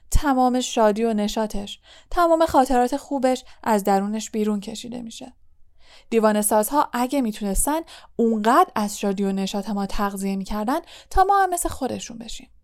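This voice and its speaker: A woman's voice: a little high, close to an everyday voice. A woman reading as a weary, kind male teacher. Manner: calm, earnest, comforting explanation. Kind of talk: audiobook reading.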